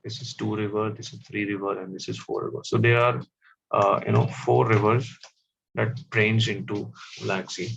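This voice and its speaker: A man teaching a class, explaining step by step and often pausing with fillers. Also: lowish voice, level tone, vocal fry, fairly bright tone, husky. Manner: slow, stop-start explaining with fillers. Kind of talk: classroom map lesson. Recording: dull, slightly lo-fi audio.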